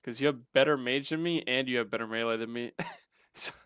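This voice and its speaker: A man's voice: mid-range voice, fast, a bit bright, clean tone, no room sound, clean studio sound. A man bantering casually with gaming teammates in laid-back, slangy frat-bro talk.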